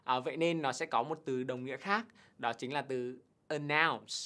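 A man teaching a televised English test lesson, explaining answers patiently and slowly repeating English words for students to copy. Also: mid-range voice, steady tone, bright, forceful tone. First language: Vietnamese. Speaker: TOEIC teacher.

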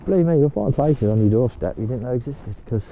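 A man's voice: mid-range voice, expressive, fast talker, phone-quality sound, slight background noise. An older man chatting casually to camera while kayaking on a canal, talking to his dog now and then. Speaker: vlogger. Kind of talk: casual vlog chat.

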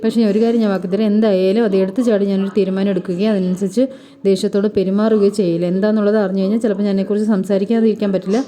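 A woman recapping a TV serial episode in a rapid, run-on spoken retelling with fillers. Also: mid-range voice, flat delivery, mellow.

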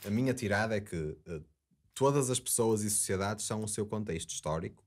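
A man in his thirties with a European Portuguese accent is a podcast guest in a casual debate, earnest and digressive, restarting often. His fairly low voice is expressive and fairly quick. He's recorded on a boom-arm desk mic in a small studio lined with acoustic foam.

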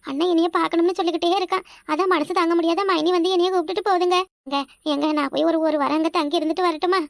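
A woman's voice: very high-pitched, steady tone, very fast, creaky, no echo, studio quality. A woman voicing an anxious village wife in a cartoon, talking in an emotional, pleading way. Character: anxious village wife torn over her family. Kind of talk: cartoon voice acting.

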